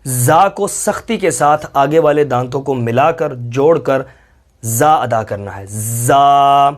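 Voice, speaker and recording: A man teaching Quran letter pronunciation, patiently drawing out each letter sound step by step. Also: medium pitch. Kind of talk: step-by-step recitation lesson.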